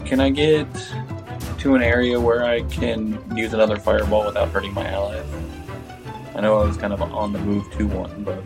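A man's voice: lowish voice, little pitch movement, normal speed. A man talking casually as a player at a tabletop game. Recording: music behind voice. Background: music.

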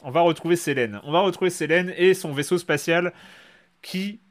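A man's voice: on the high side, normal speed. A man hosting a casual chat about video games, speaking hesitantly with many fillers. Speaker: podcast host.

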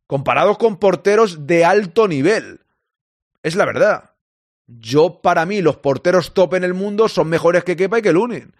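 A Spanish man hosts a football stream as a podcast, chatting away while reading out and answering listener comments from the chat. His voice sits high and moves at a normal speed. The sound is close and dry with no echo.

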